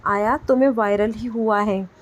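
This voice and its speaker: A protective young husband in a storybook tale, tender with his sick wife and quick to scold her gently. The voice stays fairly high, since a woman narrator reads him. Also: steady tone, slight background noise, lightly acted. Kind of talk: storybook dialogue reading.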